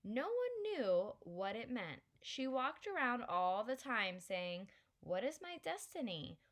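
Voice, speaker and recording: In a full character voice pitched above her own, a woman narrating an audiobook plays a blunt, wry Filipino grandmother who sounds slightly raised and matter-of-fact. The delivery is slow, very animated, fairly high, and fairly bright, suited to storytelling.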